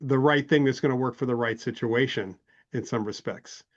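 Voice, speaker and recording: A male interview host with a voice of middling pitch, heard through dull, lo-fi remote audio. He speaks in a measured, anecdotal way and builds up to his questions slowly. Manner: measured, anecdotal, asks long lead-in questions.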